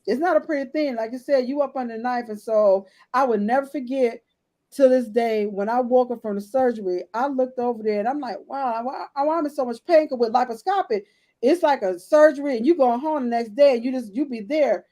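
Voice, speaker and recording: This podcast co-host, a woman in her late fifties, frankly relates her personal health experiences to the women listening in a relaxed conversation. She speaks a little fast, with a warm tone and a fairly high voice.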